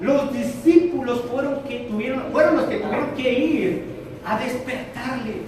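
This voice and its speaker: A man preaching a sermon to a congregation, animated, swinging between loud and soft. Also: very high voice, a little slow, noisy background. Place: church hall with congregation. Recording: echoey hall, from far off. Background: congregation answering.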